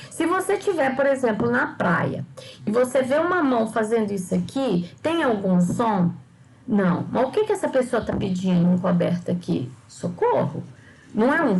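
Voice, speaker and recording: An older woman lectures her class in a slightly high, gravelly voice. She keeps checking in with her students and posing questions for them to answer. The delivery is that of an everyday classroom talk. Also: slight background noise, low-quality recording. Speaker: teacher.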